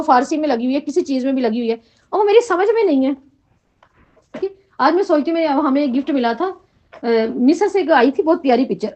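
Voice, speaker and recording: A woman's voice: sits high, darkish tone. A middle-aged woman teaching a Quran lesson to a class, often asking questions and checking in with "right?". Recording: dull lo-fi recording.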